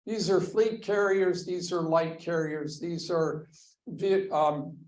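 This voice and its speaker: A man giving a history lecture to a class, talking slowly and deliberately as he walks through slides. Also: fairly high pitch, fairly even intonation, poor audio. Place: lecture room with a class present.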